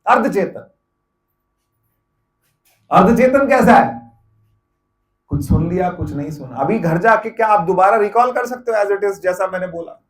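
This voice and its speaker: High-voiced man preaching in an echoey hall. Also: animated, unhurried, long pauses. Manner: asks the listeners rhetorical questions and answers them himself; repeats phrases for emphasis. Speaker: spiritual teacher. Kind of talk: devotional discourse to a gathering. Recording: echoey room.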